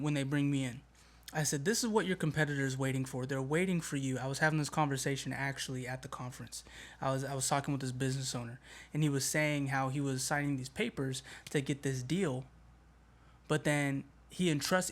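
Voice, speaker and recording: A man hosting a motivational podcast, talking in an energetic, emphatic way with casual slang. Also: mid-range voice. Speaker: podcast host. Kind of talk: motivational talk.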